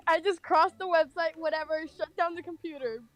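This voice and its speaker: A young woman from California, United States, tells a personal story in a casual, rambling way, leaning heavily on the filler "like." Her voice is very high-pitched and animated, and she talks a little slowly.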